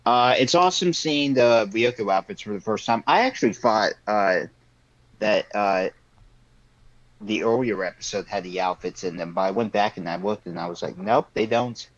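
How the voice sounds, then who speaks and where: Man, low voice, casual ramble with heavy fillers; dry, muffled call mic. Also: moderate pace, a bit bright, dry recording. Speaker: podcast panelist. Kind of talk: casual group chat over a call.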